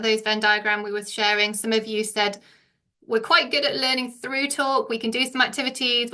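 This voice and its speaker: A woman's voice: on the high side, bright, forceful tone. A middle-aged woman with an English accent, presenting a teacher training session and explaining points while asking the room many questions.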